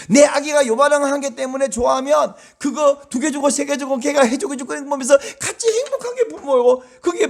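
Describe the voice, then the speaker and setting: A man preaching a sermon as pastor, talking conversationally to the congregation and acting out quoted voices. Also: vocal fry. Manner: animated, acts out quoted voices with big pitch swings; conversational, asks the congregation questions.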